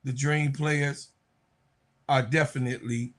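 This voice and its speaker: Podcast co-host, male, slow deliberate delivery, preachy and emphatic. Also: medium pitch, fairly even intonation, fairly bright tone. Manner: emphatic, preachy, repeats points for effect. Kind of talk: heated sports debate.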